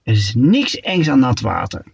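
Guy doing a chirpy little seahorse dude for a kids' story, a bit husky, dull sound. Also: mid-range voice, big pitch swings, moderate pace, dry recording, full character voice. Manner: chirpy, coaxing. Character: cheerful fibbing male seahorse. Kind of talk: storybook reading. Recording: dull lo-fi recording.

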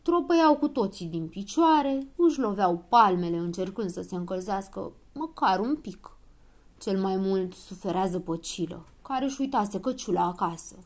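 A woman narrating a children's story in a lively, expressive reading. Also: medium pitch.

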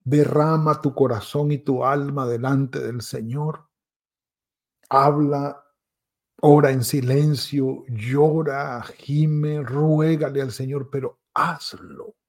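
Gravelly-voiced pastor urging prayer. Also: male voice, mid-range voice, fairly even intonation, takes it slowly. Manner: pleading, repetitive exhortation to pray. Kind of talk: devotional sermon.

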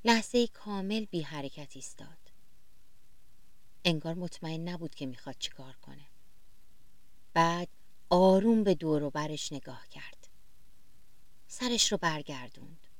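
A woman narrating a children's story gently and expressively, sometimes speaking straight to the young listeners. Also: sits low, animated, long pauses, no echo.

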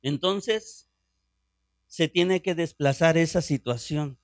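A middle-aged man preaching a sermon, impassioned and fervent, dropping to hushed prayer tones and rising again. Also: a little high, takes it slowly, no room sound, clean studio sound. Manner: drops to hushed prayer voice when quoting.

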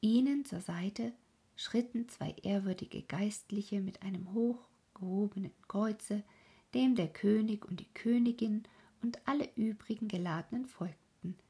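A woman hosting a sleep podcast, reading a fairy tale aloud in a soft, soothing whisper. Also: medium pitch, unhurried, slightly rough. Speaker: sleep podcast host and narrator. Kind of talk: whispered bedtime story reading.

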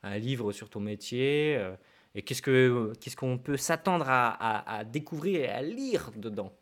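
A man's voice: mid-range voice, lively intonation, a little slow. A man hosting a podcast interview, talking casually and informally with lots of hesitations and filler sounds. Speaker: podcast host.

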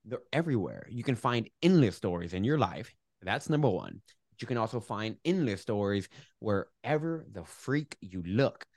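A man's voice: on the low side, very animated, moderate pace, a little mellow, dry recording, studio quality. Lisping man, R sometimes like W. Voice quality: lisp on S sounds; R sometimes sounds like W. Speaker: guest, public speaker. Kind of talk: conversational interview, explaining with acted-out examples.

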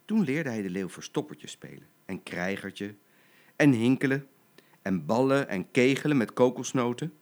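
Grandfather narrator for a bedtime story: older man, lively and animated reading. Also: mid-range voice.

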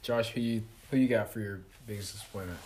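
Lowish guy hosting a chill podcast, keeps throwing questions at the group. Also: fairly even intonation, quick pace, darkish tone, slight background noise. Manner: leads the talk, asks the others questions. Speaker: podcast host. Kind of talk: casual chat about fantasy football.

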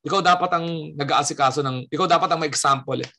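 A high, bright-voiced man from the Philippines is telling a story in casual chat. He is a stand-up comedian, and he acts out each quote in his tale with a lot of energy. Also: fast. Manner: animated storyteller acting out quotes.

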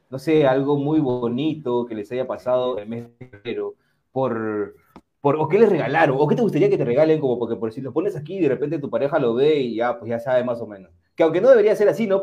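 A man's voice: medium pitch, dark tone, muffled recording. A man co-hosting a casual podcast, joking and rambling as he reads live comments. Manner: joking, rambling, mocks a Spain accent. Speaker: podcast co-host.

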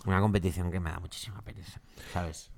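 Man with a low voice in mock-dramatic banter. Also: fairly even intonation, fast, gravelly. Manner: mock-dramatic, exaggerated warnings. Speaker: podcast co-host. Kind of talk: casual chat.

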